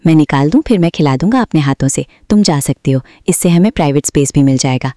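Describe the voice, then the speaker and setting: A woman's voice: low-pitched, animated, quick pace, warm tone, no room sound, clean studio sound. A woman voicing a teasing, playful young man in a storybook.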